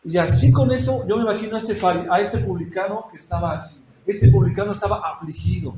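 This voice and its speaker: A man's voice: sits high, quick pace, mellow, slight background noise. A man preaching a sermon in a church, asking his congregation questions and acting out prayers with feeling. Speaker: pastor. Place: church hall. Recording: echoey church hall, dull lo-fi sound.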